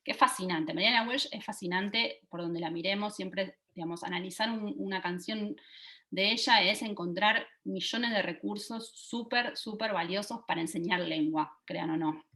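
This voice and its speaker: A woman in her forties teaches over a video call at a mid pitch for a woman. She explains things step by step and keeps checking that her audience is following with quick questions. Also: sharp tone. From Argentina. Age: 40s. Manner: checks in with listeners by asking "¿sí?". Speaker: lecturer. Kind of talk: online teaching talk.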